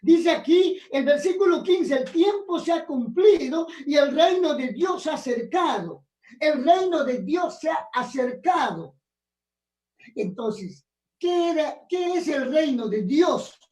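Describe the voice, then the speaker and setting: High, slow woman preaching in an echoey room. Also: lively intonation. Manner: emphatic, rising to shouts on key phrases. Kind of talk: sermon with a personal testimony. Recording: echoey room, mic at a distance.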